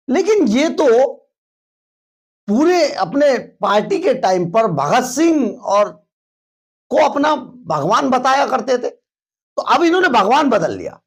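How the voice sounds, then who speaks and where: A male news reporter giving emphatic, opinionated on-the-spot political commentary, with hesitations, in a husky voice. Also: sits high.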